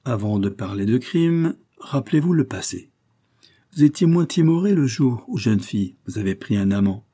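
Guy reading a scheming marquis in an audiobook, sneery and pushy, husky voice. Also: mid-range voice, animated, normal speed, close to an everyday voice. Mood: menacing. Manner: sneering, insistent, rising to forceful outbursts. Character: scheming menacing male marquis, coldly polite.

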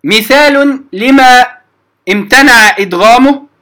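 A man teaching Quran recitation, repeating each example slowly and often checking that the class follows. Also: very high voice, bright, forceful tone. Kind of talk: recitation lesson.

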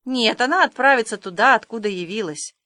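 A woman reading an audiobook and voicing a stern, strict older farm woman who speaks in a sharp, scolding, decisive way. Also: a little high, expressive, fairly quick, no room sound, clean studio sound.

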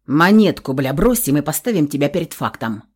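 Audiobook: gruff, blunt young man, pressing and insistent, read by a woman in a lowered voice. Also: sing-song, a little fast, darkish tone, heavily acted. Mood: demanding. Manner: blunt, swearing, low and insistent.

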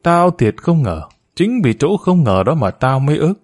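A man's voice: a little high, sing-song, normal speed, a little mellow, soft background music, voice pushed up. A man voicing a grieving, jealous middle-aged mother who scolds with bitter resentment in a storybook reading. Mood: bitter, tearful.

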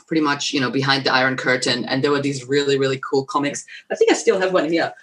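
A woman talks in an animated way, her pitch leaping up when she gets excited. She stumbles over her words and restarts often, but keeps a friendly interview tone. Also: quick pace. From Poland. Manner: animated, lots of restarts and laughs. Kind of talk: casual interview answers.

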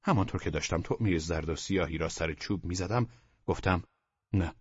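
A deep-voiced man reads a literary novel in a calm, measured storyteller's delivery that often drops to a soft near-whisper. His tone is husky, and the recording is dry, dull and lo-fi. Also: no room sound. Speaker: audiobook narrator. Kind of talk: scripted literary narration.

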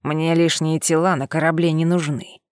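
A woman reading an audiobook, voicing a gruff, scornful cat-eared alien man in a lowered voice. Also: flat delivery, normal speed, darkish tone, no echo, studio quality, close to an everyday voice. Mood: menacing.

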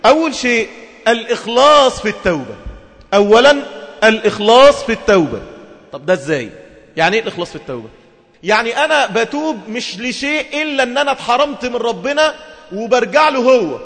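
A man's voice: high-pitched, fairly bright tone, in a large hall. A man preaching a sermon to women in an Egyptian Arabic accent, emphatic and full of rhetorical questions.

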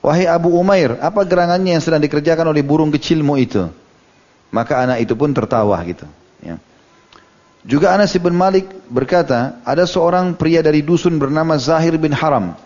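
Guy giving a religious lecture, talks real quick, storytelling with little asides, dull lo-fi audio. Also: fairly high pitch, darkish tone. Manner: storytelling, retells hadith with quoted dialogue and asides. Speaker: Islamic preacher.

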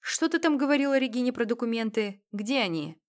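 A woman's voice: on the high side, animated, a little fast, voice pushed up, lightly acted. A crude gangster boss with a lisping drawl who barks his orders, as a woman reads him in an audiobook. He sounds menacing and coarse. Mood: commanding.

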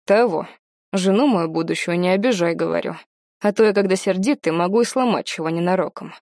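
A woman doing a cocky young soldier with a low teasing purr. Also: a little fast, a little mellow, no room sound, clean studio sound, lightly acted.

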